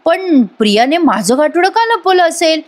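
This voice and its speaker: A woman's voice: very high voice, expressive, moderate pace, voice pushed up. A woman reading the part of a worried, determined young wife asking anxious questions, in a raised voice.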